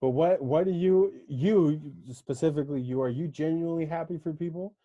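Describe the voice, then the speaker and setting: Mellow male interviewer, slightly dull sound. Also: on the high side, a little fast. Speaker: podcast interviewer. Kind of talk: casual interview chat.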